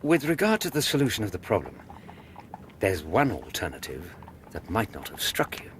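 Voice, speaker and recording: An actor playing an earnest, blustery doctor and loyal companion to a detective, with an English RP accent, in a radio drama. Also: male voice, low voice, wildly swooping pitch, normal speed, slight background noise. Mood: earnest, speculative. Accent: English, Received Pronunciation.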